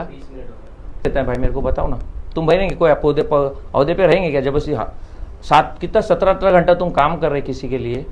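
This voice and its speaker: A man's voice: on the high side, muffled recording. A man with a Mumbai Hindi accent giving an emphatic, insistent on-camera statement, answering allegations and repeating his points.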